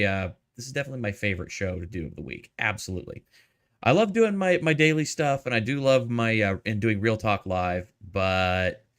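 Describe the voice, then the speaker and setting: A man's voice: medium pitch, fairly bright tone. A man hosting a live show, casually chatting and greeting viewers in the chat by name. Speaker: livestream host.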